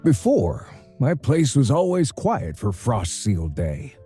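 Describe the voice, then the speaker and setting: An actor voicing a friendly, sociable doctor with a husky voice in a video game. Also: male voice, medium pitch, wildly swooping pitch, takes it slowly, warm tone, exaggerated voice. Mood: fond, welcoming. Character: friendly, sociable male doctor, wistful host. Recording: music under the voice.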